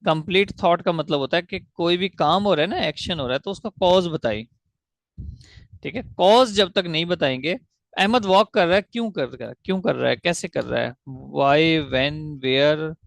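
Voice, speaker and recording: A man runs an online English grammar class, moving step by step, slowly spelling out syllables and putting questions to the class. His voice sits a little high with lively intonation and some vocal fry, and there's no room sound.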